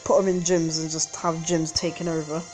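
A woman's voice: low-pitched, level tone, normal speed, darkish tone, soft background music. Rambling woman talking over gameplay. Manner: rambling, frequent self-corrections and hesitations. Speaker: game channel host. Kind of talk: casual gameplay commentary. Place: indoors at home, street outside.

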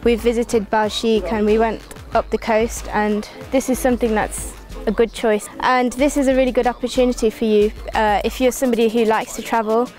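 A young woman from England, a first-year medical student, talks earnestly to the camera from a seaside cliff in a promotional testimonial. Her fairly high voice stays level and moves quickly, with hardly any pauses but plenty of ums. Soft music plays underneath.

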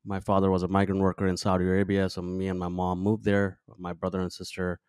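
A man in his thirties from Bangladesh speaks as a podcast guest, reflecting while he searches for words, with many fillers and restarts. His voice sits low and monotone, quick-paced, smooth and darkish, with studio-quality sound and no room echo. He's in a small room with a plant and a guitar on the wall, using a headset and a studio mic on an arm.

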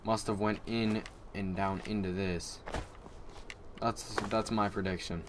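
Excitable young man narrating gameplay. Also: on the low side, measured pace, noisy background. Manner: excitable, yells and taunts enemies, swears often. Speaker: gamer playing through an open-world game. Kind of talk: let's play commentary.

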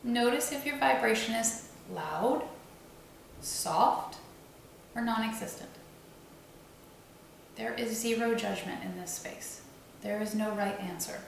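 A woman slowly and soothingly guiding a breathing and visualization meditation. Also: a little high, creaky, slight background noise. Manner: slow, soothing, gently instructive. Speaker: meditation guide. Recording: very echoey room, faint ambience.

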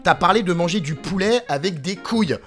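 A man's voice: high voice, animated, fairly quick, a bit bright, faint music behind. A man voicing a cheeky, hungry teenage boy texting his mother, reading the messages in a mocking, whiny way. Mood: teasing whiny.

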